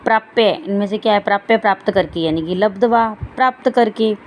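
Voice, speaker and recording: Woman teacher, class lesson, line-by-line explaining, even mid pitch, faint background hiss. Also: a little fast. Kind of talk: Sanskrit lesson explained in Hindi.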